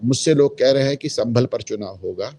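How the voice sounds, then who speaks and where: A man's voice: mid-range voice, brisk, warm tone, slightly rough. A man speaking as a guest in a political discussion, emphatic and opinionated, dropping English phrases into his talk. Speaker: guest commentator.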